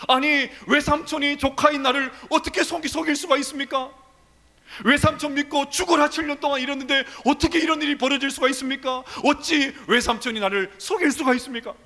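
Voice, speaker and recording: A man's voice: fairly high pitch, moderate pace, bright, forceful tone, long reverb tail, voice pushed down. A man preaching acts out a young man, Jacob, who protests with indignation and pleads with tenderness. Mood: indignant.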